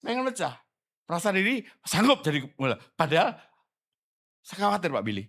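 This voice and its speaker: A male pastor giving a conversational sermon, animated and quizzing his congregation with quick questions. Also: on the high side, creaky. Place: church service.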